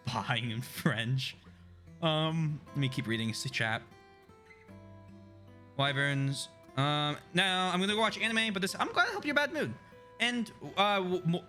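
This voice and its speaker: A man's voice: a little high, lively intonation, unhurried, bright, forceful tone, faint music behind. A man streaming a video game live, chatting casually, laughing often and reading the chat aloud.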